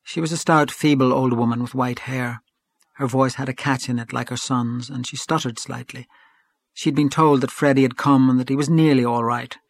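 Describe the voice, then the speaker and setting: A male narrator reads literary fiction for an audiobook in a calm, measured, even manner, his middle-register voice showing some vocal fry. The recording is close and dry, with no room sound or echo, and he holds a steady storytelling pace.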